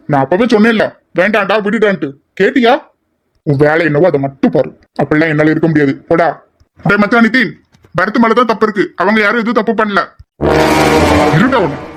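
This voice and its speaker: A man's voice: sits high, fairly bright tone. A young man voicing male college students in an amateur audio drama, with a confrontational, lecturing manner.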